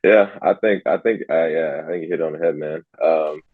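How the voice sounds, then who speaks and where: Very low-voiced man, husky, rambling casual podcast talk, dull dry lo-fi sound. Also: normal speed, no echo. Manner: rambling, heavy with "you know what I'm saying". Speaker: podcast guest.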